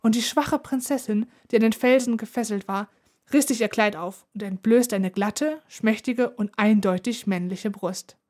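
A woman narrating a children's adventure story aloud in an even, expressive way. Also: fairly high pitch, normal speed. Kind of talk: storybook reading.

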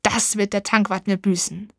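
A woman voicing a furious, spiteful old witch in a storybook reading, shrill and shouting in rage. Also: little pitch movement, normal speed, vocal fry, no echo, clean studio sound.

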